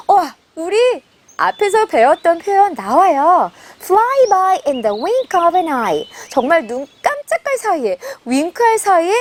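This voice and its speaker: A woman teacher leads a picture book read-aloud lesson and turns to her listeners with questions. Her voice is very high and swoops widely. She takes her time with the words. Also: slow pace, slight background noise. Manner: animated, asks listeners questions.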